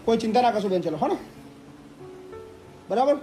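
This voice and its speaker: A man interviewing elderly residents, speaking in a calm, reassuring way and repeating comforting phrases. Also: extremely high pitch, brisk, soft background music. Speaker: interviewer at an old age home. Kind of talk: casual interview.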